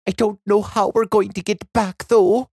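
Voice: medium pitch, steady tone, normal speed, vocal fry, darkish tone, husky, voice pushed up. A narrator voicing a polite, anxious young girl heroine in a fantasy storybook. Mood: relieved.

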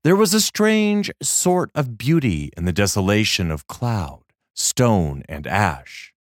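A male audiobook narrator telling a fantasy story with measured, dramatic delivery. He takes his time, and his pitch moves expressively through every line. The recording is dry and close. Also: big pitch swings, no echo. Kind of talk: scripted narration.

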